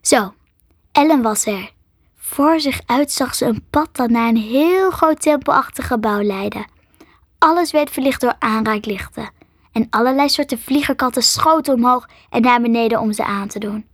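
A woman's voice: fairly high pitch, dry recording, clean studio sound. Woman reading a storybook aloud. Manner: slow, careful reading aloud. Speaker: narrator.

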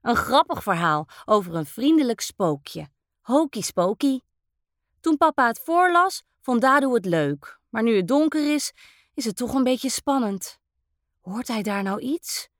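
A woman reading a children's bedtime story aloud, slow and expressive. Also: on the high side, dry recording, studio quality.

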